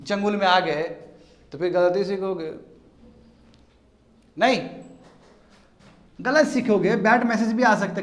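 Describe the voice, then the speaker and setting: Guy teaching a class, higher voice, keeps throwing questions at students, echoey room. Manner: animated, asks students rhetorical questions. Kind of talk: classroom lecture.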